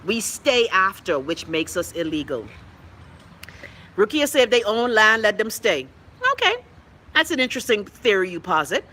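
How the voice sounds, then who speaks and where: Speaking in a mid-range voice at a moderate pace, a middle-aged Bahamian woman with a Bahamian accent hosts an online show over a little hiss or hum. She reads viewer comments out loud and answers bluntly with plenty of swearing and bouts of coughing. Her manner is animated, and the talk is a casual live stream.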